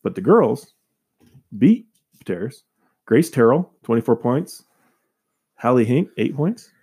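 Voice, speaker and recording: A man's voice: mid-range voice, very animated, unhurried, a little mellow, husky. A man hosting a local sports radio show, reading scores and joking with his co-hosts in a casual, upbeat way.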